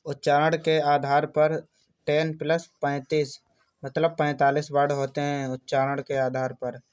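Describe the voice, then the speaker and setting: Slow, flat-voiced male teacher. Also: a little high, clear, resonant tone. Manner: slow, list-like delivery of terms. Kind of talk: exam-prep lesson, reading out a list.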